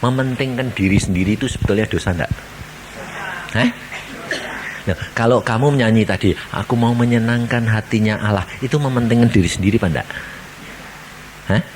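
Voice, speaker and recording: A man preaching a sermon, animated and constantly questioning the congregation. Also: lowish voice, brisk, long pauses, background noise. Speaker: evangelist preacher.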